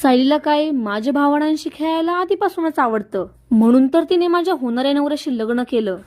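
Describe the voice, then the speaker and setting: A furious, scheming young woman in a family drama recap, her voice climbing high and sharp as she flings accusations, as a woman narrator acts her out. She sounds loud and cutting, well above ordinary speech. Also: a little fast, close to an everyday voice.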